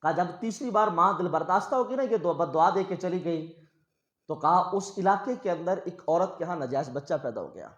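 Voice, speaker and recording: Brief: male preacher, higher-pitched voice, emphatic storytelling sermon, echoey room. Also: expressive, muffled recording. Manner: emphatic, swells loud on key phrases.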